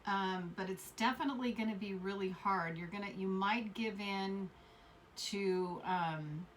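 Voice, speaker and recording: A woman reads tarot cards in a casual, rambling way, circling back to repeat her words and leaning on fillers. Her pitch sits in a middle range. A faint hiss of noise runs under the recording. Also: unhurried, recorded from a distance. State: coughing fits. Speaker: tarot reader. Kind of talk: casual tarot reading to camera.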